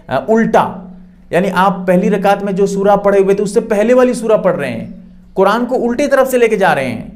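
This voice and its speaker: A male Islamic scholar explaining prayer steps patiently, step by step, often asking and answering his own questions. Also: a little high. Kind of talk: religious instruction.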